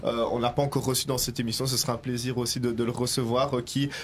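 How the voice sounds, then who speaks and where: A man's voice: mid-range voice, level tone, fast talker, slight background noise. A man hosting a live radio show, talking with many hesitations and reading out listener comments. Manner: hesitant, frequent fillers; reads listener comments aloud. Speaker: radio host.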